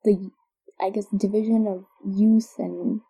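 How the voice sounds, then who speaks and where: A woman from New Jersey co-hosting a podcast, talking in laughing, profane, animated banter. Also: mid-range voice, unhurried, vocal fry, breathy edge, highs cut off. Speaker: podcast co-host. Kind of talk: casual chat.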